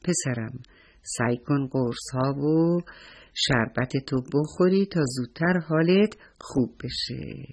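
Gentle dad, a man reading him, quiet soft voice, bit husky. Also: medium pitch. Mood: affectionate. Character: affectionate father of a sick boy.

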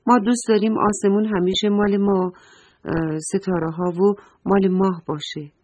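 A woman's voice: mid-range voice, fairly even intonation, mellow, no echo, lightly acted. A woman voicing a proud group of stars who insist firmly that the sky is theirs. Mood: possessive.

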